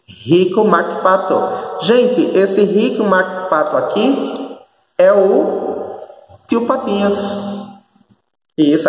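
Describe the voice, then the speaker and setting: Man, Brazilian northeastern accent, Spanish teacher, patient explaining, slow pace, echoey far-off room recording. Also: on the high side. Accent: Brazilian Portuguese, northeastern. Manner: slow, explanatory, checks understanding with frequent tag questions. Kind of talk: recorded remote class lesson.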